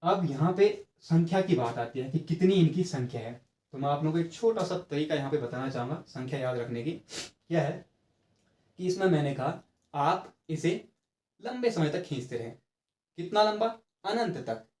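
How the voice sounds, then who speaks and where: A man's voice: fairly high pitch, lively intonation, normal speed, darkish tone. A man giving an exam-prep grammar lesson, explaining step by step, checking in with his students and stretching sounds out to demonstrate them. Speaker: teacher. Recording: echoey room.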